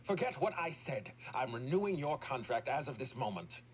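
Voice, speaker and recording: A man's voice: medium pitch, sing-song, moderate pace, a little hiss or hum, lightly acted. An actor playing an imperious, indignant businessman in a video game, speaking in a formal, commanding and exasperated way. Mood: alarmed, urgent.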